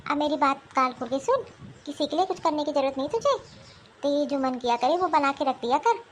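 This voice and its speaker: A woman voicing a nagging, scolding old mother-in-law in an animated cartoon. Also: sits high, brisk, a little hiss or hum. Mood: indignant.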